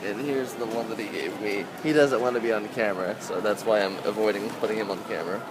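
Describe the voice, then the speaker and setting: On a noisy city street with traffic, a man casually interviews someone, rambling informally and swearing freely. His voice is fairly low, steady in tone, and he talks fast.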